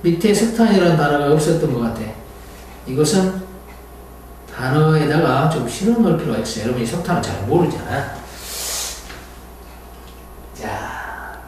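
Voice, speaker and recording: A man's voice: fairly high pitch, animated, normal speed, long pauses, darkish tone, far from the mic, slight background noise. A man teaching an English lesson, drilling words aloud and stressing the right way to say them. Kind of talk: classroom lecture. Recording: echoey room picked up from afar.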